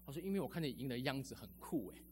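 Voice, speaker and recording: A man's voice: mid-range voice, expressive, rapid-fire, darkish tone, slight background noise. A man preaching a sermon as a pastor, telling personal stories in a chatty way with lots of sentence-final particles.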